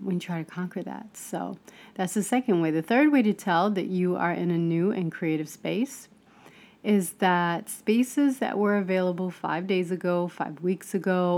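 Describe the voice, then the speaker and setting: A woman with a fairly low voice gives a spiritual self-help talk in a loose, conversational way. She pauses on fillers, restarts her sentences and slips into animated, mock-exasperated asides. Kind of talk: casual motivational talk.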